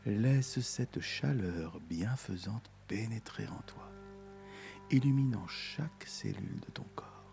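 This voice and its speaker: A man guiding a meditation in a soft, soothing, intimate voice, as if speaking right into your ear. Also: lowish voice, animated, takes it slowly, creaky. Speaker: meditation guide. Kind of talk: guided meditation. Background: music.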